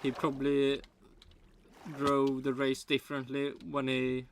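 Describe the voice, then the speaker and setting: A man's voice: mid-range voice, monotone, unhurried, a little hiss or hum. Swedish-accented man rambling in reaction. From Sweden. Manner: rambling, with broken English and trailing restarts. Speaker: streamer reacting to a video. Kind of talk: casual reaction commentary.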